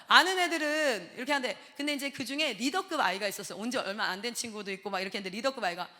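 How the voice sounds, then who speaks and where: A woman missionary giving a sermon, telling stories in a lively way and acting out the dialogue. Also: a little high, racing. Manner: lively storytelling that acts out dialogue. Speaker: missionary preacher. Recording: long reverb of a hall.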